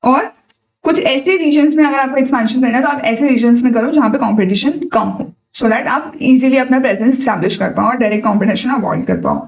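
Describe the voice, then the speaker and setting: A young woman coach with an Indian English accent walks students through exam answers, switching between Hindi and English. Her voice sits fairly high and she talks in a direct, encouraging way. She sounds a little distant from the microphone. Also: fast talker, creaky. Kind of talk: online exam-prep lesson.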